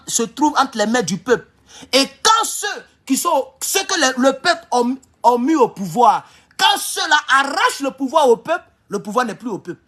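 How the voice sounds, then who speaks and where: A livestream host speaks in a very high-pitched, fairly bright voice with a breathy edge. He delivers a fiery, impassioned address to his viewers, repeating his rallying calls again and again.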